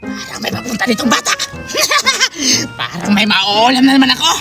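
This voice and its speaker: A woman's voice: on the high side, fast, natural voice. A woman voicing a gleeful villainous sea monster who poses as a mermaid and wants to eat children. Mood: scheming. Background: background music.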